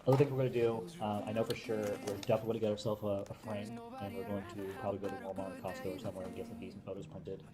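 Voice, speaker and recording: A man's voice: lowish voice, flat delivery, racing, few pauses, over loud music. A man chatting casually as a vlogger. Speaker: vlogger, newlywed groom. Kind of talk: casual vlog chat.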